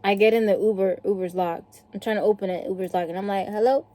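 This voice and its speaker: A woman from South Africa telling a story casually to camera, animated, acting out the dialogue and swearing offhand. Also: mid-range voice, quick pace. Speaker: vlogger.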